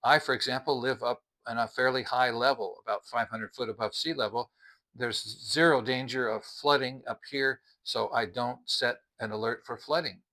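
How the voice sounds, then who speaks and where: A mature man with a bright, forward voice of average male pitch reviews a product casually. He keeps a steady tone and normal speed, explaining methodically and plainly, point by point.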